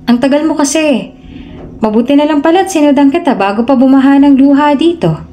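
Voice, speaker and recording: A woman voicing a caring young man who comforts a crying friend, teasing her gently in a storybook tale. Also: high-pitched, a little fast, soft background music, pitched above the performer's own voice, lightly acted. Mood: gently scolding.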